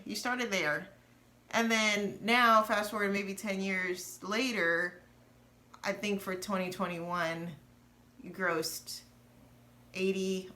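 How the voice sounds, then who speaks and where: A woman's voice: medium pitch, pushed and bright. A woman in her thirties talking candidly and earnestly in a casual conversation about money and marriage. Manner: earnest, candid, laughs nervously at times. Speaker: co-host of a personal finance channel.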